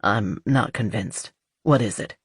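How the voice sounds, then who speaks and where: A woman voicing a calm, teasing adult man in an audiobook, speaking in a low, controlled way. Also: a little slow, breathy edge, dry recording, clean studio sound, heavily acted. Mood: easygoing. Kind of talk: audiobook character voice.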